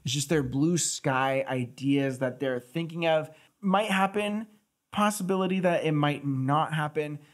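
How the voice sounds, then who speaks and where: A man's voice: fairly high pitch, measured pace. A man in his thirties co-hosting a podcast, chatting casually and jokily at a desk mic in a small studio. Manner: animated, gestures a lot, jokey. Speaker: podcast co-host. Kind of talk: casual chat. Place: small studio set, indoors. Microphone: desk mic on stand.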